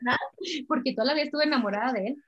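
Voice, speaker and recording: A middle-aged Mexican woman, a singer, chatting warmly and emotionally in an interview. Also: sits high, fast talker. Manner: warm, chatty, emotional storytelling. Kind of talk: casual interview chat. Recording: slightly dull lo-fi sound.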